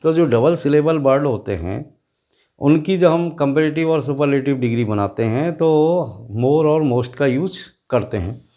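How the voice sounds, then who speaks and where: A male English grammar teacher, giving a classroom lesson and explaining slowly with drawn-out word lists. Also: fairly high pitch, animated, mellow.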